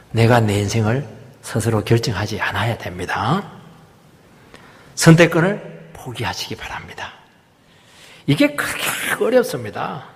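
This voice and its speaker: A male pastor preaching a sermon in a church, emphatic, swinging from loud rises down to hushed drops. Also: on the low side. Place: church sanctuary. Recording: long hall reverb.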